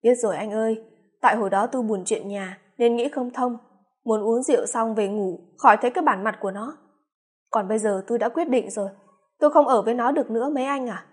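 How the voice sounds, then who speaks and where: Woman doing blunt bitter man in his fifties, breathy. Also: very high voice, quick pace. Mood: weary. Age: 50s. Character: aging man, bitter, resolute about divorce.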